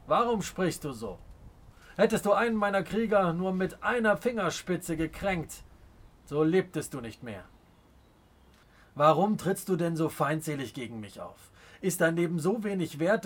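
A man's voice: on the high side, lively intonation. A man voicing a proud, stern Native chief in an audiobook, speaking in a scornful, commanding way. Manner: scornful, commanding, slow and weighty. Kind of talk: audiobook character reading.

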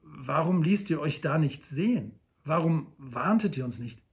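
A man's voice: a little high, lively intonation, measured pace, vocal fry. A man voicing a polite, grateful banker who has just been rescued, in an audiobook. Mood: earnest.

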